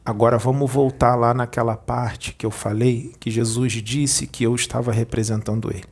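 Gravelly, husky man telling a vision. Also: mid-range voice, moderate pace. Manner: animated storyteller, repeats himself. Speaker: spiritual medium. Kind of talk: recounting a vision to an audience.

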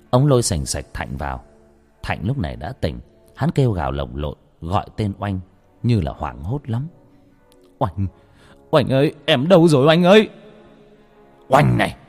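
A man narrating a ghost story with expressive, dramatic delivery. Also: sits low. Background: soft background music.

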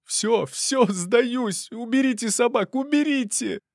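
A man's voice: extremely high pitch, slow, no echo, clean studio sound, pitched above the performer's own voice, exaggerated voice. A man voicing a frightened, whining middle-aged trespasser who pleads and stammers to be let go. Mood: panicked. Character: whiny scared middle-aged male trespasser.

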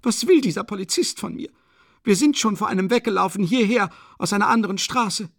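A man's voice: high-pitched, expressive, fairly quick, dry recording, studio quality, voice pushed up. A man reading an audiobook, voicing a proud, desperate widow who shrieks in haughty, breathless outbursts. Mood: shrill indignant.

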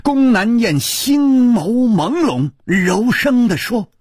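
Husky, slow theatrical male storyteller. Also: very high-pitched, sing-song, no echo, clean studio sound. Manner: theatrical, swings between loud and hushed. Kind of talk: dramatic novel reading.

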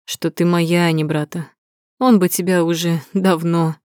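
A woman's voice: fairly low pitch, level tone, measured pace, a little mellow, no echo, studio quality, close to an everyday voice. A woman voicing a haughty, mocking male vampire lord in an audiobook, with a sneering drawl.

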